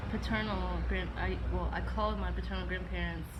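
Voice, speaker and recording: A woman's voice: fairly low pitch, steady tone, brisk, highs cut off. A young American woman chatting casually as she hosts a question round with friends. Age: young adult. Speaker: host reading out challenge questions. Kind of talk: casual group chat. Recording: echoey room, loud ambient noise.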